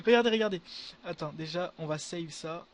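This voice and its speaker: A young man giving casual gameplay commentary to his viewers, excitable and full of crude slang. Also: high-pitched. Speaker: gaming video creator.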